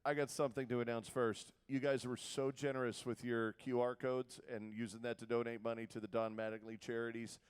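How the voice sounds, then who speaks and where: A man's voice: mid-range voice, little pitch movement, fairly quick, hardly any pauses, clear, resonant tone. A man hosting a live charity event on a theatre stage, an upbeat emcee who tells a chatty story and laughs along with it. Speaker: event host, radio host.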